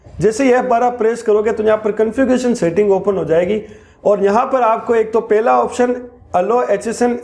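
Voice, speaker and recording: A man teaching accounting software in a screen-recorded tutorial, walking through each step and slowing down on key terms. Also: sits high.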